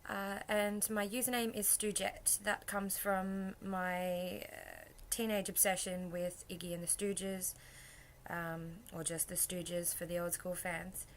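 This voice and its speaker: A woman's voice: fairly low pitch, fairly bright tone, a little hiss or hum. A young woman with an Australian accent, chatting casually in a rambling, self-deprecating way. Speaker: vlogger. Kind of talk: casual chat.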